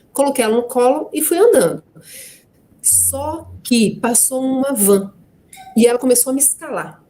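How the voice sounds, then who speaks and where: A woman's voice: a little high, slight background noise. A middle-aged Brazilian woman, an adoptive mother, telling personal anecdotes in a panel talk and often tagging her sentences with questions. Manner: warm anecdotal telling, frequent tag questions. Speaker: adoptive mother and guest speaker.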